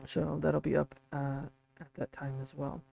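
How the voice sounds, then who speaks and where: A man with vocal fry giving a casual, halting livestream explanation, often checking in with a quick "right?" or "okay". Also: a little high, completely flat delivery. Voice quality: vocal fry from an old vocal cord injury. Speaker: livestream host and researcher. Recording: dull lo-fi mic with faint hum.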